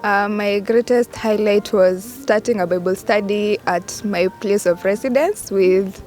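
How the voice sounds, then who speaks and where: A woman's voice: mid-range voice, measured pace, a little mellow. A woman with a Kenyan accent introducing herself and answering interview questions. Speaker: programme participant being interviewed. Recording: faint music behind the voice.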